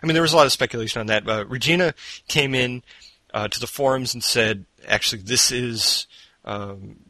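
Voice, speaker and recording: Over a borrowed headset mic set off to one side, this casual gaming podcast host speaks from home in a mid-range, fairly fast, sharp-toned voice. The recording is dry and low quality, and his talk wanders with self-deprecation, many fillers, and frequent restarts.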